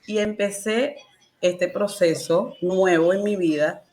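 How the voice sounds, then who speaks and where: A woman with a Venezuelan Spanish accent gives her personal faith testimony in a colloquial, emotional way, laughing often. Her mid-range voice is darkish and slow-paced.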